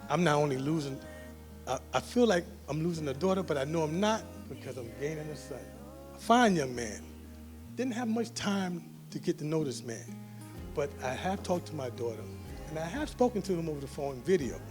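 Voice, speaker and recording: A man's voice: a little high, lively intonation, brisk. A middle-aged man giving an effusive, joking wedding toast as father of the bride at a reception. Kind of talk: wedding speech. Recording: music in the background. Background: music playing.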